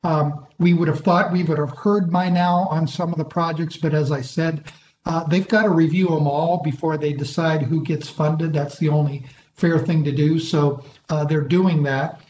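A man's voice: a little high, steady tone, normal speed, darkish tone. A man giving a plain-spoken program update in a virtual meeting, with many fillers. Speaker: economic recovery coordinator. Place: home or office on a video call. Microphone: video call. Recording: echoey room on a video call.

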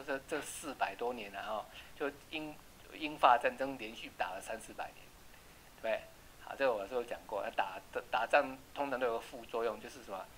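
A man teaching an English class, chatty and checking with students, slowing down to repeat words for pronunciation. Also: mid-range voice, a bit bright, slight background noise, rough recording. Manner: asks "right?" often. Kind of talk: classroom lesson.

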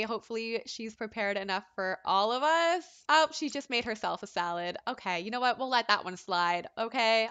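Bright, chatty young woman narrating gameplay. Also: on the high side, no room sound. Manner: chatty, dramatic, voices the game characters' lines. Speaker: let's play host. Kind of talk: casual gameplay commentary.

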